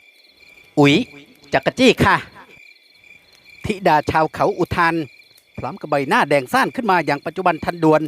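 Man, audiobook narrator, scripted novel reading, steady, even, slightly high pitch.

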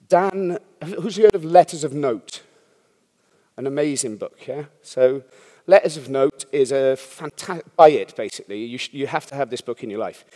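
A man with a dark, medium-pitched voice, a startup founder, delivers a rambling, candid talk at a conference. He swears casually and checks in with the audience by asking "yeah?". Sound bounces with a long reverb through the conference hall.

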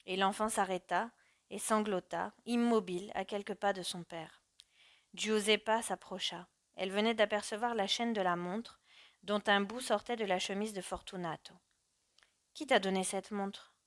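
Woman, audiobook narration, measured dramatic reading, mid pitch. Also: fairly even intonation, no room sound, clean studio sound.

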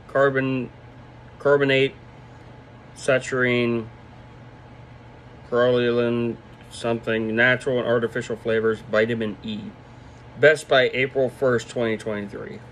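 Young man, 20s, laid-back off-the-cuff reviewer, mouth packed with dip, average pitch, noisy room hum behind. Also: fairly bright tone. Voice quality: talking with a lip full of dip. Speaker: product reviewer. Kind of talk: casual vlog review, off the cuff. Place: small room indoors. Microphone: phone at arm's length.

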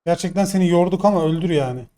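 A young man commentating his own gameplay live, excitable and swearing in frustrated outbursts. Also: high-pitched, rapid-fire. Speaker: gaming streamer.

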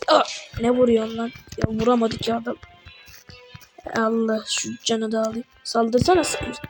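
A woman giving casual let's-play commentary as a gaming YouTuber, chatty and excitable, bantering with the game in slang. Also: sits high, rough recording. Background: game music.

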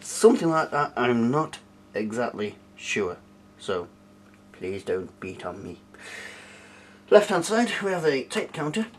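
Seated at a desk in a small, cluttered room, the British host of a retro tech review channel chats informally through a hands-on review and tutorial. His mid-range voice is sing-song and unhurried, with slight background noise.

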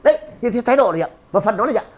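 A man giving a lively seminar talk to an audience, emphatic and punchy, often firing questions at the room. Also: very high-pitched, very fast, lo-fi sound. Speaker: seminar speaker and trainer.

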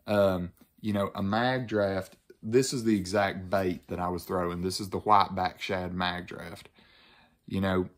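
A young man talking casually to camera as a fishing channel host, relaxed and conversational with frequent fillers, recorded in a living room. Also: sits low, unhurried. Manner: relaxed, conversational, frequent ums and you-knows. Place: living room with couch, indoors.

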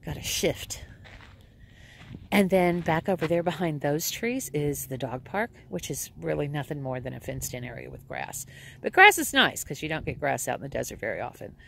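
Her low voice is gravelly and sing-song yet fairly bright, at a normal speed, with a little hiss or hum in the recording. She's a forty-something Texan RV travel vlogger, chatting casually and rambling with frequent laughter to a phone camera at arm's length outside at an RV campground.

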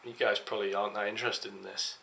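A man's voice: on the low side, level tone, fast, gravelly, pushed and bright, a little hiss or hum. A tired young man from England rambling to a desk webcam in a small home office, full of hesitant fillers. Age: young adult. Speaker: vlogger. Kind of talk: casual vlog to camera.

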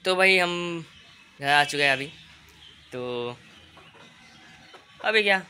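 A teenage boy vlogs casually, holding his phone's selfie camera at arm's length as he moves from an outdoor field to his home. His voice sits on the high side, bright and forceful, animated yet slow, and he chats informally, constantly calling viewers "brother," with slight background noise.

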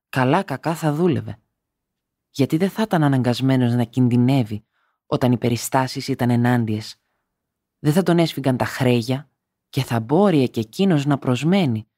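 A man narrating a literary story in a steady, measured reading. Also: medium pitch, dry recording, studio quality.

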